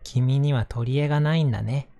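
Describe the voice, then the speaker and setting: A man puts on a cocky storybook toy that loves to show off and tease. The voice stays fairly dark and relaxed beneath the boasting. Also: medium pitch, a little fast, creaky, natural voice. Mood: teasing. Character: boastful, teasing toys showing off in a toy shop.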